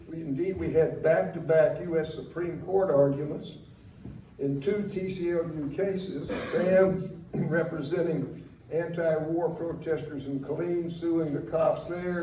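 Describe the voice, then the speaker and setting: Older man, faltering fond eulogy, mellow slightly high voice, pauses, wry reminiscing. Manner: halting, faltering delivery with pauses. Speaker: eulogy speaker. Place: speaking at a memorial gathering in a room. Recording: roomy, distant mic, faint noise.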